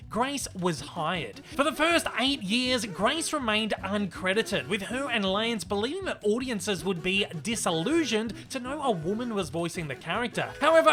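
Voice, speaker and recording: Guy narrating a history doc video, pretty high voice, really bright sounding. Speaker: narrator and host of a cartoon history series. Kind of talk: scripted documentary narration.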